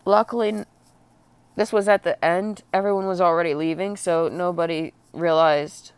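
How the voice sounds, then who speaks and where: A woman crying and very upset, venting personally in a blubbering, tearful, halting way. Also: on the low side, steady tone, smooth, dry recording. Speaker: vlogger. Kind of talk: emotional personal vent to camera.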